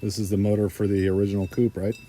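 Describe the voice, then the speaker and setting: A man's voice: on the low side, level tone, quick pace, mellow, slight background noise. A man hosting a casual car vlog, chatting upbeat about the cars in his workshop. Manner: upbeat, chatty commentary while showing cars. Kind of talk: casual garage vlog narration.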